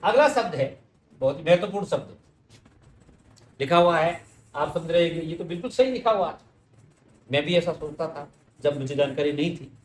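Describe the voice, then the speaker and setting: A man's voice: fairly high pitch, expressive, normal speed, pauses often, roomy sound. A man teaching correct Hindi spelling, explaining each word patiently and speaking directly to his students.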